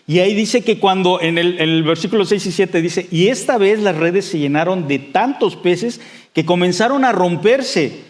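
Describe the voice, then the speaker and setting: A man preaching a sermon in a conversational way, with frequent fillers and restarts, and acting out quoted voices with rising excitement. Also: high voice, normal speed. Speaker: pastor.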